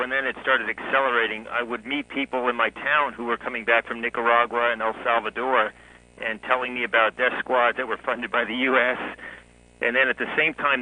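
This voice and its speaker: A man in his forties, a guest author, telling his life story in a relaxed interview, often chuckling. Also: medium pitch, slight background noise, poor audio. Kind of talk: conversational interview.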